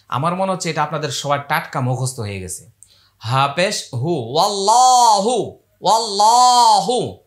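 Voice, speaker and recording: A man teaching Quran recitation, chanting verses slowly and spelling out the rules between them. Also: a little high, fairly bright tone. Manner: slow drawn-out chanting of Arabic verses, then brisk spelled-out explanation.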